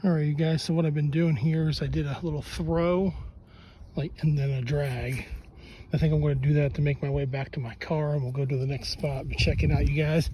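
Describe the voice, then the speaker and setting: A man's voice: a little high, fairly even intonation, fairly quick, warm tone, a little hiss or hum. A man talking casually to viewers while walking outdoors, laughing often. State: winded, out of breath. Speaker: vlogger. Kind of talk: casual outdoor vlog narration. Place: outdoors by water and trails.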